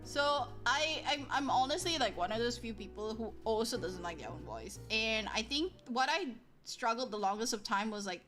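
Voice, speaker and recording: Over soft background music, a livestreamer reads her chat and chats casually with viewers, her voice on the high side with lively intonation. She talks at a normal pace with hardly any pauses, rambling through plenty of likes and ums and making fun of herself.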